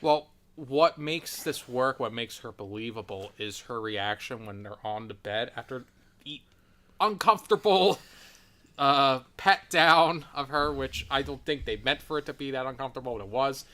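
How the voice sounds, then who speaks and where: A man's voice: mid-range voice, expressive, moderate pace, sharp tone. A man co-hosting a podcast who chats casually, offers opinions and swears now and then. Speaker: podcast co-host. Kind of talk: casual chat.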